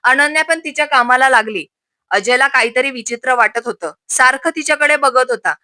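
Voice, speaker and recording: A woman narrating an audiobook love story in a steady, scripted storytelling manner. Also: high voice, moderate pace, dry recording.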